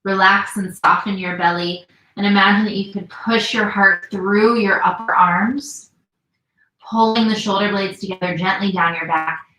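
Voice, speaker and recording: A young woman teaching a yin yoga class from home, giving slow, soothing instructions with gentle pauses. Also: mid-range voice, fairly even intonation. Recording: roomy echo.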